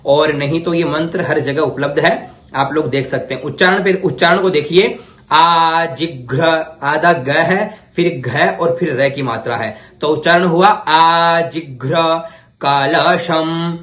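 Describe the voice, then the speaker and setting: A man's voice: on the high side, fairly bright tone, echoey room. A man teaching Vedic ritual, chanting mantras syllable by syllable for his students to copy, then explaining them. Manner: chants mantras slowly, then explains quickly in plain talk. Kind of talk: slow syllable-by-syllable mantra recitation lesson.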